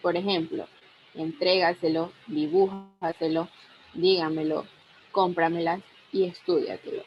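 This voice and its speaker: A woman's voice: fairly low pitch, fairly even intonation, a little slow, faint music behind. A young adult woman giving a university class presentation, reading steadily and listing example words one by one. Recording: dull lo-fi recording.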